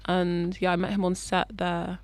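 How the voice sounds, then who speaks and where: A woman's voice: fairly low pitch, monotone, normal speed, no room sound. A young British woman, a musician guest, answering interview questions in a laid-back, hesitant way with lots of fillers.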